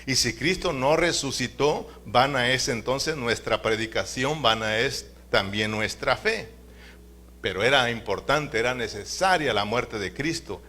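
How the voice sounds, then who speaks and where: Emphatic preacher man, bright voice. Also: medium pitch. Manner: emphatic, addresses listeners as brothers, calls them to repeat. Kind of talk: sermon. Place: church.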